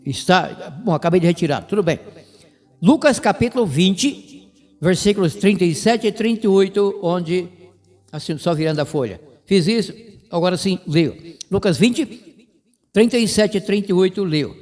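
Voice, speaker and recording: A man with a Brazilian Portuguese accent teaches a radio Bible lesson in a fairly high voice. He explains step by step and keeps putting rhetorical questions to his listeners. The recording has a lingering reverb. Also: lively intonation, normal speed, darkish tone, soft background music.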